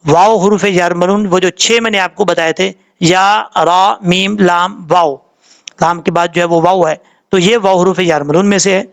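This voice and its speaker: A man teaching Quran recitation rules, patiently going letter by letter and slowly drawing out each word he demonstrates. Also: high-pitched, fairly even intonation. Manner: slowly draws out sounds when demonstrating words. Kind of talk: tajweed lesson explaining pronunciation rules.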